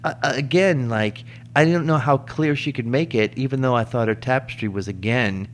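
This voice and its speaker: A man's voice: medium pitch, normal speed, a little hiss or hum. A man co-hosting a podcast, chatting casually about a TV series, laughing often and restarting sentences. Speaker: podcast co-host. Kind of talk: casual chat reviewing a TV series.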